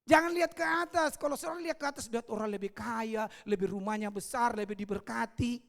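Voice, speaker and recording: A man's voice: extremely high pitch, fast, creaky, fairly bright tone. A man, preaching a sermon as an evangelist at a church service, emphatic and repetitive, often calling out to the congregation. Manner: emphatic, repeats phrases, often calls out to the congregation.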